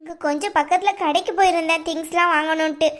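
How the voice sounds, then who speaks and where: Woman as a dutiful young daughter; southern Tamil Nadu accent, earnest, very high and fast. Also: steady tone. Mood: friendly. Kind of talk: cartoon voice acting.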